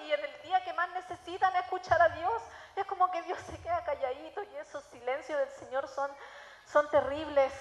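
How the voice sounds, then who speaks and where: A woman with a Chilean accent giving an emotional testimony from the pulpit, moving between loud and hushed storytelling. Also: sits high. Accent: Chilean Spanish. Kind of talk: sermon testimony. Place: church sanctuary. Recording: echoey church hall.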